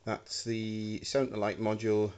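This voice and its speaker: Speaking a little slowly in a lowish, darkish voice with a completely flat delivery, a hobbyist prop maker gives a casual demo of homemade electronics. He hesitates with plenty of ums as he handles the gear. A handheld camera mic records him indoors on a wooden floor, with a little hiss or hum.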